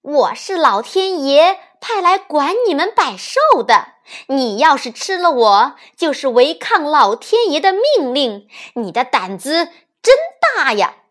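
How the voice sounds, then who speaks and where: A woman voicing a sly, boastful little fox in a children's storybook reading, shouting its bluff. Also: high voice, sing-song, slow, exaggerated voice. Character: sly boastful male fox, small and thin.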